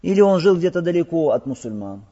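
During a religious lesson, an Islamic teacher explains rulings, poses rhetorical questions, and keeps checking with "all right?". He speaks fast and very animatedly in a dark voice on the high side. The audio is lo-fi, with long hall reverb.

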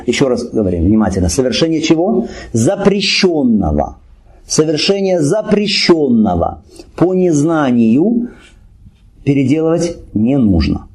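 Male religious teacher, lively rising and falling delivery, warm mellow tone, poses questions and answers them. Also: medium pitch. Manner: asks the audience questions and answers them himself; recites Arabic blessings quickly. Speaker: Islamic teacher. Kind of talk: religious lecture.

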